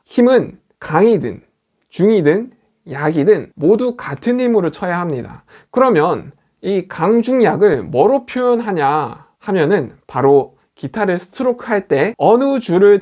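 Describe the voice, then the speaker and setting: A man calmly explaining guitar strumming step by step as a teacher, repeating the key points patiently. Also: fairly high pitch. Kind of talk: instructional explanation.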